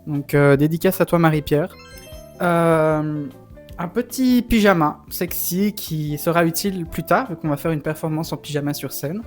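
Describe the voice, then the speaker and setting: A man's voice: on the high side, normal speed, soft background music. A young man chatting casually for a vlog in the campy, playfully theatrical manner of a drag queen. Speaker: drag performer and vlogger.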